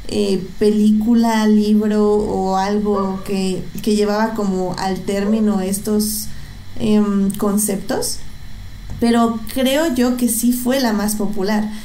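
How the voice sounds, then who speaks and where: A woman's voice: mid-range voice, fairly even intonation, slow, warm tone. A young woman with a Mexican accent chatting casually and thinking aloud, with hesitant, rambling phrasing. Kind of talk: casual conversation about films. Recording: echoey room, faint background noise.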